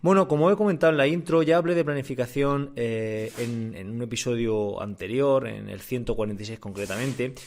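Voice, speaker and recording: A man's voice: mid-range voice, fairly quick, few pauses, a little mellow. A man speaking casually as a podcast host and coach, explaining things and often rephrasing as he goes. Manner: conversational, often repeats and rephrases. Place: room indoors. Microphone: condenser microphone.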